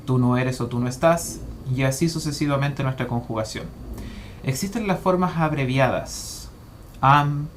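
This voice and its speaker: Male teacher, mid-pitched, methodical explainer, faint noise behind. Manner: methodical, slows to spell out English example phrases. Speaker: English teacher. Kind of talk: explanatory grammar lesson.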